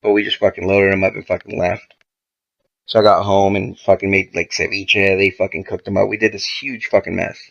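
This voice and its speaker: A man's voice: sits low, level tone, a little fast, vocal fry, a bit bright. A man, a podcast guest, casually telling a story full of profanity and quoted back-and-forth dialogue. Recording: dull lo-fi podcast audio.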